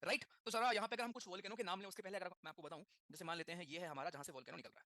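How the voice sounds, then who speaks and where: A man teaching a class, talking in a quick mix of Hindi and English, repeating key terms and asking the students questions. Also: high voice, steady tone, pushed and bright, no echo, clean studio sound. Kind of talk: classroom lecture.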